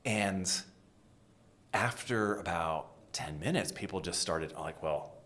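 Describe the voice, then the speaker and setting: Deep-voiced American man telling stories. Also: takes it slowly. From New England, US. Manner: animated storyteller, drops to whispers for emphasis. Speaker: guest, design executive. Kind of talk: conversational interview.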